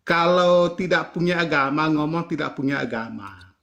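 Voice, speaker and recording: A man with a high voice challenges someone in a live debate. He is argumentative and insistent, cutting in and repeating short phrases to press his point. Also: moderate pace, pushed and bright. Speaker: debate participant challenging the host.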